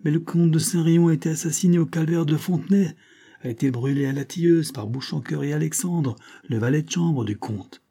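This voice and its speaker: A man voicing a brave young army lieutenant in an audiobook, forceful and accusing. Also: on the high side, fairly quick, vocal fry, pitched above the performer's own voice. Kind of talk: audiobook character reading.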